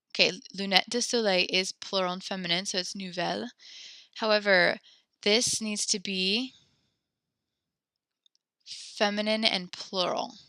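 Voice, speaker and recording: A young woman teaches a French class online, speaking close to a headset or desk mic with no room sound. Her medium-pitched voice is creaky with a sharp edge, and she sounds a little out of breath. She is patient and encouraging, walking through things step by step.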